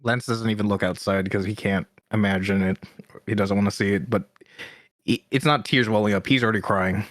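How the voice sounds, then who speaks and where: A man's voice: on the low side, fairly even intonation, fairly quick, no echo. A man chatting casually as a player in a tabletop game. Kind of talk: casual chat.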